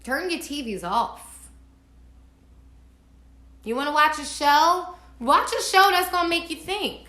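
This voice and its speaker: A woman's voice: sits high, slow, bright, forceful tone. A woman vlogging from home, giving emphatic, preachy spiritual advice straight to her viewers and swearing casually. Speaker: astrology vlogger. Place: indoors at home. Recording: echoey room.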